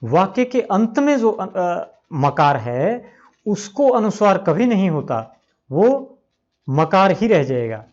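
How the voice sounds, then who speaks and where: Slow, deliberate male grammar teacher. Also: high-pitched, very animated, a little mellow. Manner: slow, repeats examples, stretches out words to pronounce them. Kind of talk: explanatory lesson. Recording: dull lo-fi recording.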